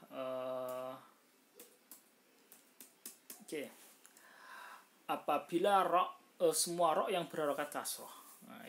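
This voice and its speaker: Woman, unusually deep and slow-paced; patient recitation teacher with hesitant, filler-heavy delivery. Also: slight background noise. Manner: slow, hesitant explaining with frequent fillers and drawn-out recited examples. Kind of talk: informal tajwid lesson. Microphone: phone screen recording.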